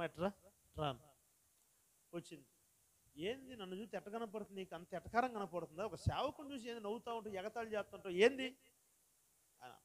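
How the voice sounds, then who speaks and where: A pastor with a high voice delivers a sermon to his congregation. He tells his story in a soft, conversational way and then climbs into loud, drawn-out preaching. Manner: quiet storytelling that builds to loud, slow preaching.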